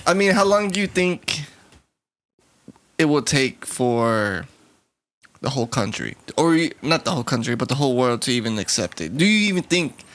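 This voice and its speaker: Relaxed man in mid-pitched casual chat. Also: moderate pace. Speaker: podcast co-host.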